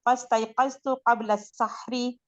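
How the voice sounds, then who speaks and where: A woman's voice: fairly high pitch, fairly even intonation, slow, no echo. Hesitant woman student, muffled dry sound. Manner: hesitant, stumbling, restarting words. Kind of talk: reading aloud and translating in class.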